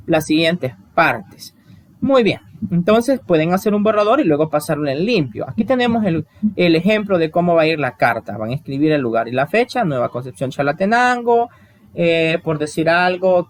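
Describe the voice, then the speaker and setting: A man, teaching a recorded online lesson and explaining each step while asking the class questions. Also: on the high side.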